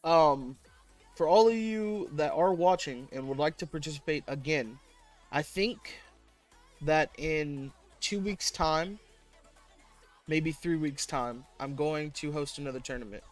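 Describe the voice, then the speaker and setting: A fairly high-voiced man hosts a casual esports stream, chatty and quick to laugh, his pitch leaping when he gets excited. Faint game music plays under his voice. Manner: laughs often, animated jumps in pitch. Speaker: tournament host and caster.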